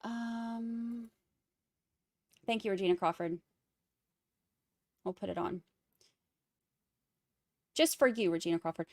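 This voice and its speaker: A woman with a Boston accent hosts a live trial commentary stream, chatting wryly, reading out viewer comments, and drifting into rambling asides. Her voice is a little high, and she speaks at a slow pace with long pauses. The recording is dry, with a clean studio sound.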